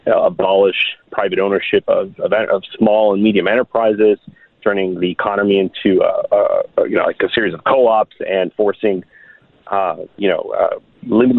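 A man in his thirties from Miami, a guest on a radio show, talking earnestly and haltingly with many restarts and fillers. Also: on the low side, dry recording. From Miami, United States. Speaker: guest writer. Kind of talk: radio interview over the phone. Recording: tinny phone line.

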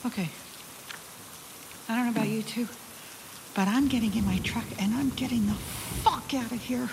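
A woman's voice: on the high side, moderate pace, lightly acted. An actress playing a blunt, sarcastic woman who questions a stranger with profane bite. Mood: panicked. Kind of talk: audio drama acting. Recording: noisy background.

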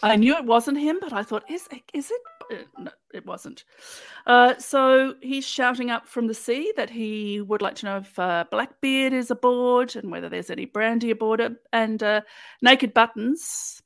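A woman's voice: fairly high pitch, normal speed, no room sound. A woman hosting a podcast, walking through an episode in a playful, chatty storytelling way. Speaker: podcast host recapping episodes. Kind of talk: casual chat, episode recap.

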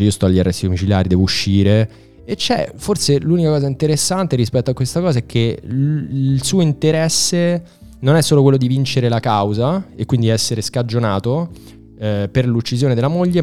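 A man's voice: fairly low pitch, warm tone. A man telling a story to friends in an emphatic, informal way, acting out dialogue and repeating words. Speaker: podcast host recounting a TV series.

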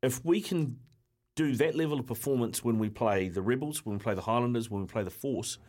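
A man's voice: mid-range voice, brisk, darkish tone. A man hosting a sports radio show in a casual, conversational style.

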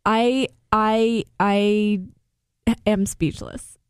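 A woman's voice: mid-range voice, steady tone, very slow, clear, resonant tone, no room sound, studio quality. Blunt, opinionated woman podcast co-host. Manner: blunt, opinionated, laughs often. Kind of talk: casual chat recapping a reality show.

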